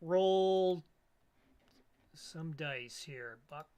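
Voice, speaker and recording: A man running a tabletop role-playing game as game master, narrating in an unhurried way with frequent fillers. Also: fairly high pitch, warm tone, slight background noise.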